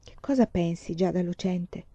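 A woman reading aloud voices a tender, earnest young man in love, with a warm and earnest manner. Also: on the low side, normal speed, no echo, close to an everyday voice. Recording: dull lo-fi, dry.

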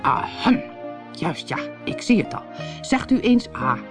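A woman's voice: lowish voice, big pitch swings, a little slow, music in the background. A woman voicing a cheeky young man who poses as a pompous doctor in a storybook, mock-solemn and hesitant.

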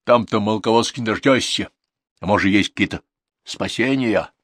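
A man's voice: on the low side, normal speed, no room sound, clean studio sound, pitched above the performer's own voice, lightly acted. A man voicing a sly, worldly-wise old peasant who lectures in folksy rural dialect. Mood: grumbling.

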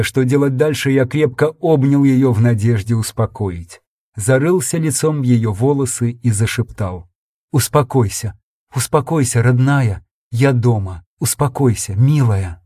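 Dark-voiced man narrating a dramatic audiobook. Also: medium pitch, dry recording, studio quality. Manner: dramatic, intense storytelling. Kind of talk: scripted first-person audiobook narration.

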